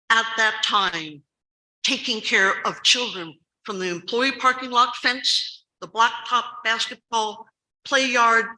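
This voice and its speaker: At a school board meeting, a woman in her seventies delivers an urgent public comment, telling a story with emphasis and repeating key words for stress. Her voice is mid-range, loud, and carrying, and the recording is rough.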